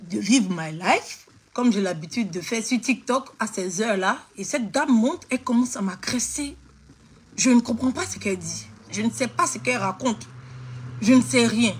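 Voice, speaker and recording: A woman's voice: fairly high pitch, fairly bright tone, slightly rough. A woman from Côte d'Ivoire telling her followers what happened, in a casual, repetitive retelling. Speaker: social-media host. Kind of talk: casual storytelling to camera.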